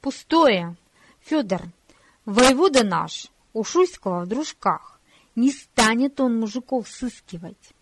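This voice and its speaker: A woman's voice: fairly high pitch, expressive, slow, background noise. A woman voicing a weary, cautious nobleman who brushes off his brother with resignation. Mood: resigned. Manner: dismissive, resigned.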